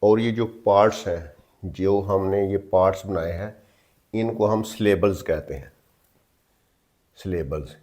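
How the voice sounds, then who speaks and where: Speaking a little slowly and pausing often, this man uses a low, slightly mellow voice. His explanatory lesson on English grammar blends Hindi-Urdu and English, with patient repetition, letter-by-letter spelling, and frequent check-ins with listeners.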